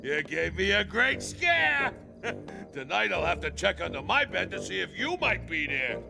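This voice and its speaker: A man voicing a big, good-natured bogeyman monster in a cartoon, with a gravelly voice. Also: sits high, very animated, unhurried, heavily acted. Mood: jovial, hammy. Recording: loud music behind the voice.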